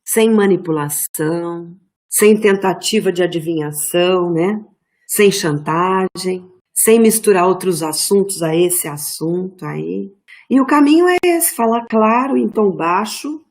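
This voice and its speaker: A woman's voice: fairly low pitch, a little mellow. A middle-aged woman giving relationship advice straight to her viewers, coaching them and acting out example phrases. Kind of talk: direct-to-camera advice talk.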